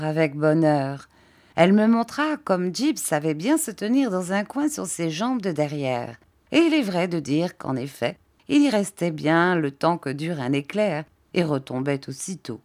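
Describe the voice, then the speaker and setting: A woman with a fairly low voice reads a classic novel aloud. Her narration is measured and steady, in first person, with calm even pacing. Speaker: audiobook reader. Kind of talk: literary audiobook narration.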